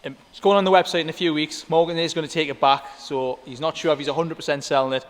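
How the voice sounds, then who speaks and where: A man's voice: fairly high pitch, fairly even intonation, quick pace. A man hosting a casual walk-around vlog inside a car workshop, chatting with the mechanics. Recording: echoey workshop hall with faint background noise.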